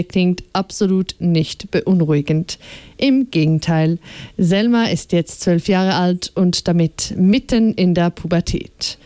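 A woman's voice: lowish voice, warm tone, clean tone, dry recording, lightly acted. A woman reading aloud and voicing a big, friendly male pediatrician who explains things in a soothing way. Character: big, calm, kindly male children's doctor.

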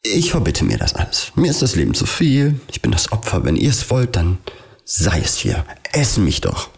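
Alice, a man doing a defiant shrill young woman. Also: sing-song, moderate pace, vocal fry. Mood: despairing. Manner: declamatory, pitch pushed up high.

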